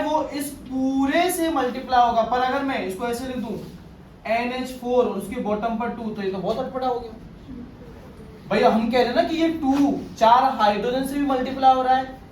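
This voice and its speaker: A male chemistry teacher giving a classroom lecture, often quizzing his class with questions. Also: extremely high pitch. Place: classroom with students. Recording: echoey room, far from mic, class murmur.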